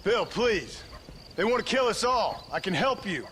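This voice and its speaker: Pleading ex-outlaw, earnest and lively, far away. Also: male voice, sits high, measured pace, slight background noise, full character voice. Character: determined, pleading former outlaw man.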